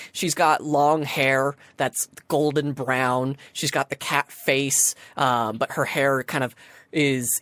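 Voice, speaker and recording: A woman's voice: very deep voice, no echo. A woman narrating a tabletop game as game master, chatty, with many fillers.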